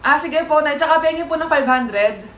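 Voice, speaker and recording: A woman's voice: high voice, moderate pace, noisy background, natural voice. A woman playing a cheeky, lazy grown kid. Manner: polite but cheeky, answering with "po". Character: cheeky, lazy, dim-witted grown child. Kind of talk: comedy skit role-play. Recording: roomy sound with loud background music.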